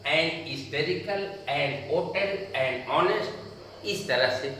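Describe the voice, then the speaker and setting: A man teaching an English grammar lesson in Hindi, slowly repeating each example aloud. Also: a little high, pushed and bright. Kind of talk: slow classroom lecture. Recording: echoey room, distant mic, faint noise.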